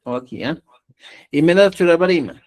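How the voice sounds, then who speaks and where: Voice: mid-range voice, moderate pace. A teacher gives a lesson, stressing example words and checking in often with the listeners. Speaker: Quechua writing teacher. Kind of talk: explanatory lesson.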